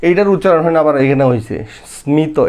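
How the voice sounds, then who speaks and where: A male primary school teacher from Bangladesh, explaining Bangla spelling rules in a conversational way, repeating example words slowly and asking rhetorical questions. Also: fairly high pitch.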